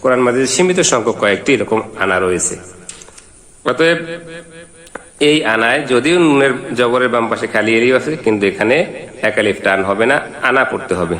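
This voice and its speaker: A man teaching Quran reading. He spells out letters and vowel marks one at a time, then chants each verse in slow, drawn-out syllables. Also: mid-range voice, animated, a bit bright, reverberant. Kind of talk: step-by-step recitation lesson.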